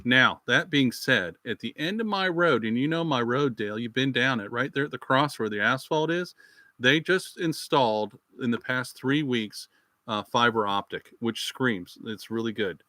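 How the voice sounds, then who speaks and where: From his rural home, an American channel host answers viewer questions in a live-stream Q&A. His mid-range voice is bright and forceful at normal speed with no echo, and his manner is folksy, rambling and chatty.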